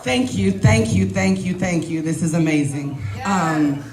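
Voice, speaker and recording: A woman's voice: on the low side, a little slow, heavy background noise. A woman candidate giving an emphatic, off-the-cuff rally speech, often laughing. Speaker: political candidate. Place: large indoor event hall. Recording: echoey hall with crowd and music.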